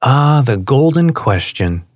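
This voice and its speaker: A man voicing a calm, wise male seminar coach who speaks in a measured, knowing way. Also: medium pitch, dry recording, clean studio sound, voice pushed up. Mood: gentle, knowing. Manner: measured, knowing, pauses for effect.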